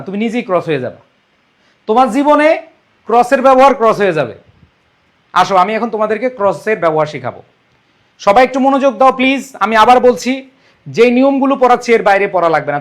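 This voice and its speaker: A young man teaching an online exam-prep English lesson, coaxing and repeating rules for his students. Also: sits high. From Bangladesh.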